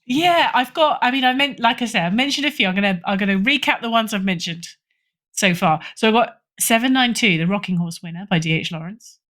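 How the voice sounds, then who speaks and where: Speaking briskly in a medium-pitched, somewhat bright voice, this woman from Britain is a guest on a podcast, where she edits horror fiction and recommends stories in relaxed interview talk. She hesitates, corrects herself frequently, and repeats phrases to stress them.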